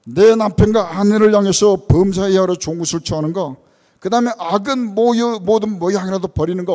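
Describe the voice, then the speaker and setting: High-voiced man preaching in echoey hall. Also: dark tone. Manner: earnest, rhetorical questions, acts out parents' words. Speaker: church elder preaching. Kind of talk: sermon. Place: church sanctuary.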